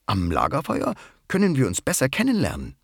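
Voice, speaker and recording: A man's voice: medium pitch, huge pitch swings, a little fast, creaky, breathy edge, dry recording, clean studio sound, pitched above the performer's own voice, exaggerated voice. A man voicing a grumpy small male insect in a children's story, grumbling and suspicious. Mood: grudging.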